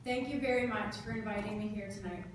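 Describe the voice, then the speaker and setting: A woman's voice: mid-range voice, fairly even intonation, fast talker. Echoey, distant Canadian woman giving motivational speech. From northern Ontario, Canada. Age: 30s. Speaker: motivational speaker. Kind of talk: prepared motivational speech to a live audience. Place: indoor event room before an audience. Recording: echoey room, distant mic, clear background noise.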